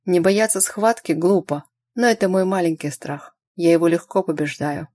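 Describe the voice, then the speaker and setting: Woman reading stern male hunter, clipped, low, dry and close. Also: normal speed, dark tone, dry recording, natural voice. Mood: brooding. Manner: clipped, commanding questions. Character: grim wary male hunter, low and curt.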